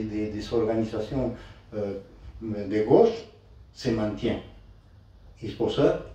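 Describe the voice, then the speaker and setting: A man with a foreign Spanish accent in French, improvising a political talk in halting, broken non-native phrasing. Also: mid-range voice, dark tone. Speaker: speaker at a political meeting. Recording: distant, echoey, dull muffled sound.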